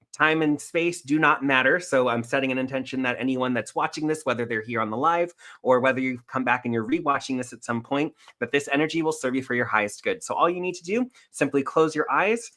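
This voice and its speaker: A man co-hosting a live show who leads a guided energy-healing meditation, calm and gently instructive. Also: medium pitch, brisk. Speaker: co-host and energy healer.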